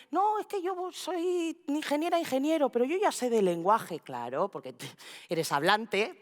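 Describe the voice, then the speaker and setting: A woman giving a lively, playful conference talk and acting out quoted voices as she explains. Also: medium pitch. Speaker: speaker. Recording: reverberant hall.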